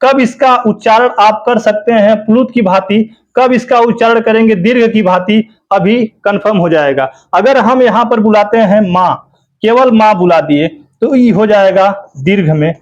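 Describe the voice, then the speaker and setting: A man's voice: sits high, moderate pace, few pauses. A male teacher giving an exam-prep grammar lesson, asking questions and then answering them himself, and repeating key words to drill them in. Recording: dull lo-fi recording.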